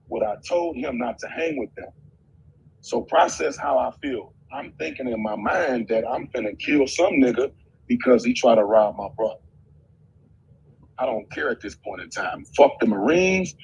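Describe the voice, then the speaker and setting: A man's voice: medium pitch, normal speed, creaky. A middle-aged man telling a painful personal story in a raw, emotional way, swearing heavily. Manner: intense, emotional, heavy swearing. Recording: muffled with faint background noise.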